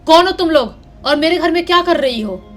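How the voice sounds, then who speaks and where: Woman as a panicked mother in a haunted house; urgent, frightened, a bit high. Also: steady tone, fast talker, faint music behind, close to an everyday voice. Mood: scared, confronting. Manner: panicked, pleading.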